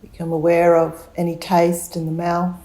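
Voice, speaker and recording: A woman with a lowish, monotone voice leads a guided relaxation meditation. She gives gentle, soothing instructions separated by long, unhurried pauses.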